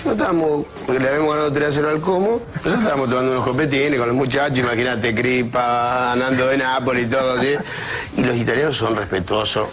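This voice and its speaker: A man with a Rioplatense accent telling football stories, lively and mimicking the people he quotes. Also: mid-range voice, quick pace, slight background noise. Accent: Rioplatense Spanish. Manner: lively, plays the other people in his stories. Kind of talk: storytelling in an interview.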